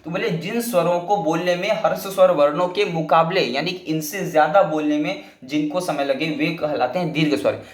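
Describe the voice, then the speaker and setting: In an echoey room, a Sanskrit teacher with a slightly high voice delivers an explanatory classroom lesson at a brisk clip with few pauses. He explains patiently and repetitively, restating each idea many times.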